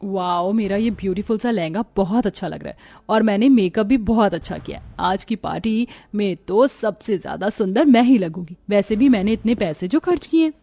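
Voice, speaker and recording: A woman's voice: medium pitch, lively intonation, moderate pace, vocal fry, warm tone. A woman voicing a vain, spoiled young woman in a storybook, scornful and bossy, slipping English words into her talk. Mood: self-admiring. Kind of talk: storybook voice acting.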